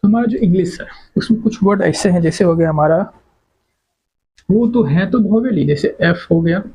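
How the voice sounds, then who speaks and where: Man, grammar teacher, husky, dark tone, repeats and quizzes, lecture style. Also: high voice, normal speed, poor audio. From India. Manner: repeats words and quizzes students with questions. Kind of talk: classroom lecture.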